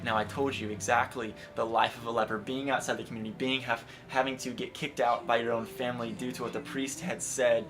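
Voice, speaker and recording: A young man in his twenties preaching an earnest sermon, building to impassioned emphasis and then dropping soft. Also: mid-range voice, flat delivery, fairly quick, hardly any pauses. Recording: guitar music playing underneath.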